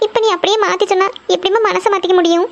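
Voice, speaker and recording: A woman's voice: very high-pitched, steady tone, rapid-fire, dull audio. A woman voicing a meek young daughter, pleading and protesting with her mother.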